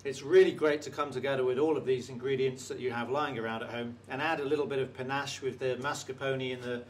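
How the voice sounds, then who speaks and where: A man hosting a cooking show who tastes a dish and praises it in a halting, restarting way. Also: medium pitch, steady tone, a little hiss or hum. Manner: effusive, praises the food while tasting. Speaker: host. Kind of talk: casual cooking show chat.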